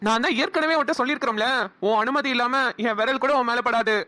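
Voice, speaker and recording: A woman's voice: on the high side, quick pace, pushed and bright. A woman voicing a devoted young village man in a cartoon, earnest and protective. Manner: earnest and pleading, scolds then reassures. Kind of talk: cartoon dialogue acting.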